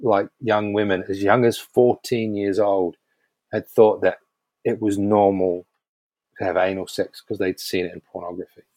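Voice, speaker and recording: Frank, low-voiced New man. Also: flat delivery, normal speed, mellow, dry recording. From New Zealand. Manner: frank, emphatic, swears casually. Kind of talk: casual conversational podcast chat.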